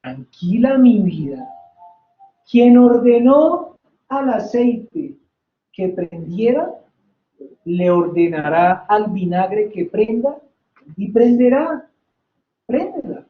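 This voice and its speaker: A Bible-study teacher voicing a gentle, wise old male sage who speaks slowly and tenderly, in a roomy, slightly dull recording. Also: mid-range voice, animated. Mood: soothing, solemn.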